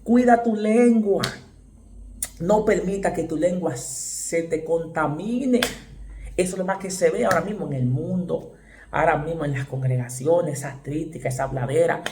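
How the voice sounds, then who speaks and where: Delivering a passionate sermon, this preacher from the Dominican Republic speaks with a Dominican Spanish accent, repeats phrases to drive points home, and bursts into sudden shouts. His voice runs on the high side at a moderate pace, in an echoey room with a little hiss or hum.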